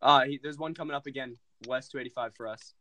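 A man's voice: mid-range voice, steady tone, quick pace, pushed and bright. A man talking casually with friends in an online gaming voice chat. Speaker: online game player.

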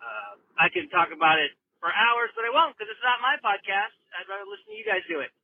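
A man calls in from his car and leaves a voicemail, and his voice comes through a thin, clipped phone line. He sounds eager and casual and swears freely. His voice sits fairly high for a man. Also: very animated, quick pace, breathy edge. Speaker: voicemail caller.

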